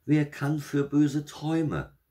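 A man's voice: on the high side, slow, warm tone, voice pushed up. A man reading aloud and voicing the devil's grandmother, a shrewd, kindly old woman who scolds and soothes. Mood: scolding soothing.

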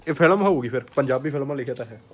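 A young man with a Punjabi accent vlogs from a small indoor room, casually chatting as he shows items from his collection to the camera and slipping English words into his speech. His medium-pitched voice races along with lively intonation.

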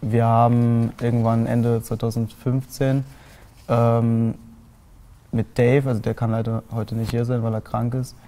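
A young man from Saarland answers interview questions about his band at length, pausing on fillers as he goes. His voice is dark and mellow and stays quite level. The sound is that of a small TV studio. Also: mid-range voice, level tone, a little hiss or hum. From Saarland, Germany. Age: 20s. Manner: long explanations with many fillers. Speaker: band guitarist. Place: small TV studio with colored lights.

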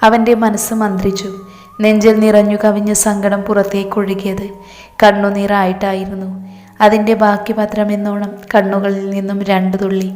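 A woman narrating a romantic story in a steady, even reading voice. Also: mid-range voice, normal speed. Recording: roomy with long reverb.

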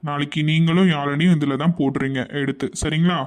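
A man's voice: fairly high pitch, fairly even intonation, a little fast, close to an everyday voice. A man voicing a caring young brother who insists on helping his sister, in a cartoon. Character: caring young brother, generous and eager to help. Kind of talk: cartoon voice acting.

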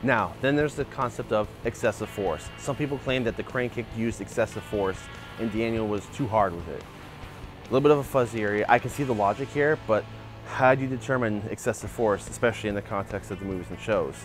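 A man's voice: lowish voice, brisk, faint music behind. A man in his forties, a martial arts channel host, gives opinionated commentary outdoors in a backyard on a lapel mic, talking animatedly. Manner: animated, gestures a lot while arguing a point. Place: outdoor backyard by a wooden fence.

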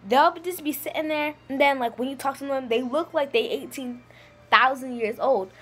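A female vlogger talking in a chatty, slangy, animated way in a casual comedy video. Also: sits high, normal speed, slightly rough.

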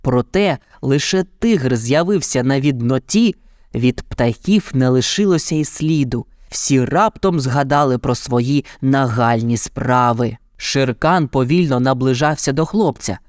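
A man narrating a children's fairy tale in an even, dramatic storytelling manner. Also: medium pitch, unhurried, no room sound, clean studio sound.

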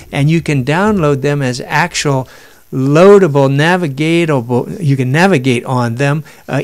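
A man giving an informal lesson while looking through documents on screen, rambling with restarts and fillers. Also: mid-range voice. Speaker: instructor.

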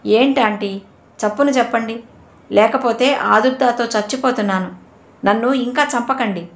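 A woman's voice: on the high side, normal speed, close to an everyday voice. A woman reading the lines of a distraught young woman who anxiously searches for her lover, in a roomy echo. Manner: anxious, pleading questions.

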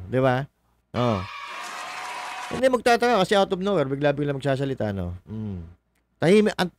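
A man with a slightly high voice, carrying a little hiss or hum, does casual political commentary on a livestream. He's mocking and combative, swears, laughs at his own jokes and reads viewer comments aloud.

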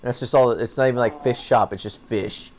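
A man's voice: mid-range voice, steady tone, fairly quick, slight background noise. A man hosting a casual game stream, laid-back and rambling, often chuckling. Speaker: streamer host.

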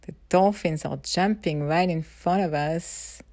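A woman speaking softly and intimately, right in the listener's ear, guiding a tender visualisation for a partner. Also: lowish voice, measured pace, no echo. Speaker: guide of a self-love ritual.

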